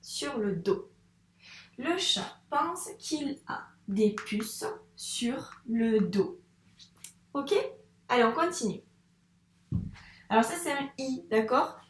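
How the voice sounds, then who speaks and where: A woman's voice: fairly high pitch, animated, slight background noise. Patient woman teacher, roomy echo. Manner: patient, encouraging, slow and careful. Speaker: first-grade teacher. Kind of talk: reading lesson for young children.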